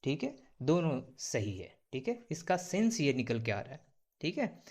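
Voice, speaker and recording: A male teacher with an Indian accent walks learners through a lesson at an unhurried, measured pace. He repeats single words over and over and leans hard on their sounds. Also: a little high, sing-song, a little mellow, husky. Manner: drills words slowly, repeating them with stress. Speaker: English teacher. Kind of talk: slow spoken English lesson.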